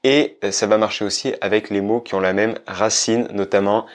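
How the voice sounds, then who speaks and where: A man teaching Spanish vocabulary in a video lesson, explaining clearly and slowly. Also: lowish voice, fairly even intonation. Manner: clear, slow explaining, switching between French and Spanish.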